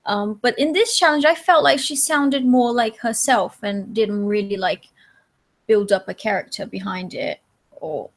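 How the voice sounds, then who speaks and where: A young woman chatting casually as a co-host, blunt and quick to swear. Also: medium pitch. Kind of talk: casual chat.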